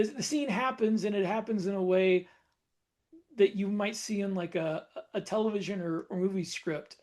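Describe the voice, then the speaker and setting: In a relaxed panel-style podcast, this male co-host walks through his experience step by step, thoughtfully. He has a high-pitched, slightly mellow voice.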